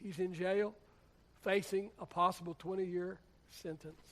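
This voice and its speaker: A man's voice: high voice, fairly even intonation, unhurried, fairly bright tone. A man, a pastor, preaching a sermon in a church in a conversational, humorous storytelling way. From United States.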